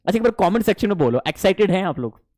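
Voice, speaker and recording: Animated Indian man teaching a class. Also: high-pitched, very fast, no echo, studio quality. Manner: animated, mixes Hindi with English phrases. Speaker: spoken English teacher. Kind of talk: online class lecture.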